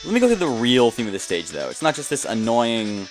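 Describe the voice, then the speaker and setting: A male gameplay host with a mid-range voice talks a little fast, his pitch swinging hugely, on a low-quality recording with game music behind him. His off-the-cuff commentary rambles, digresses and jumps from one aside to the next.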